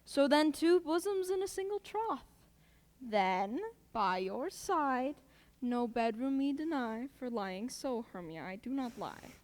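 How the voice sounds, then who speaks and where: An eager, teasing young man in love, with a bright, high voice that leaps up and down, as a woman plays him on a school stage. The sound is dry and close. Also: expressive, takes it slowly, no room sound. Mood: tender. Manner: sweeping pitch swings, laughing through lines. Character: young male lover Lysander, ardent and playful.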